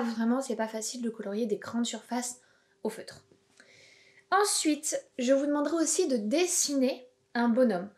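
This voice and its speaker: A woman, a preschool teacher giving a home-school video lesson to young children in a slow, clear, encouraging way. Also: a little high, darkish tone.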